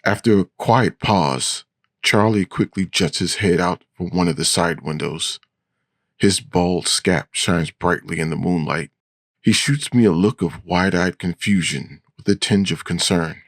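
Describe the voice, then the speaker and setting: A man's voice: deep voice, unhurried, no room sound. A man narrating gothic horror in the voice of an old vampire, formal and courtly. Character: centuries-old male vampire, composed and menacing. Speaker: audiobook narrator.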